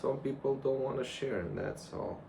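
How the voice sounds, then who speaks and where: A man's voice: mid-range voice, normal speed. A young man rambling casually and reflectively to a camera, in a loose conversational monologue. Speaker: vlogger. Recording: clear background noise.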